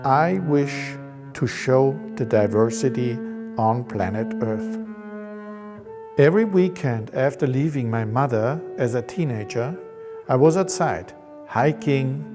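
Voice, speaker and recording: A man, calmly narrating his life as a painter in English. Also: mid-range voice, takes it slowly, long reverb tail, over music. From Austria. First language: German. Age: 50s. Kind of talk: reflective personal narration.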